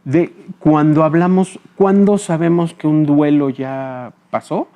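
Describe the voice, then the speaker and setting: Mellow-voiced psychologist explaining calmly. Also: male voice, fairly high pitch, takes it slowly. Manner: calm and explanatory, checks in with a tag question; frequent filler hesitations. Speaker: psychologist and thanatologist guest. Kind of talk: explanatory interview talk.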